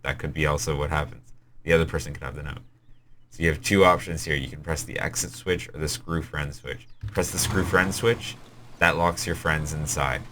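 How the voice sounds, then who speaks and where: A man with a very deep, low-pitched voice talks through a game he built. He rambles and hurries, explaining puzzle after puzzle in a casual way. A faint hiss sits under his voice. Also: fairly bright tone. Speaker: game server admin.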